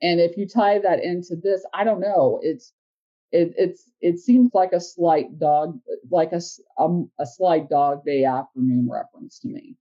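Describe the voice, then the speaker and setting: A woman's voice: fairly low pitch, a little slow, dark tone, lo-fi sound. A woman co-host on a podcast, thinking aloud and picking apart a text with many fillers. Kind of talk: casual podcast discussion.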